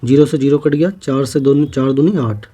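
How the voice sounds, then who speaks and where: Mellow-voiced male maths teacher. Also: medium pitch, normal speed, breathy edge. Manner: works problems step by step, repeating each figure as he writes. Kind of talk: exam-prep maths lesson.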